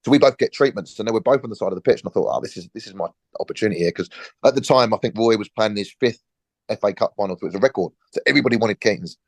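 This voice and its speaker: Man, 40s, podcast guest, rapid storytelling, acts out quotes, dry studio sound. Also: lowish voice, no echo. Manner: lively storyteller, acts out quoted dialogue, frequent restarts. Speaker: podcast guest, former professional footballer. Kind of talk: relaxed anecdotal storytelling.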